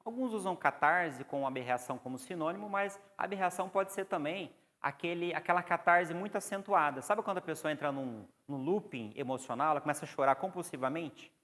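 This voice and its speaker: A man's voice: fairly high pitch, a little fast, hardly any pauses, fairly bright tone. A man with a Brazilian Portuguese accent giving a classroom lecture on psychoanalysis, explaining and putting questions to the class. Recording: long hall reverb.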